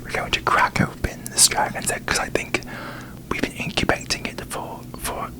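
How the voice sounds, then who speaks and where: Man whispering as prim queen Alicent Hightower. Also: normal speed, natural voice. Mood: hushed, excited. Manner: formal, pompous, archaic wording. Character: prim, needy, aggrieved medieval queen, a woman. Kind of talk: whispered ASMR parody.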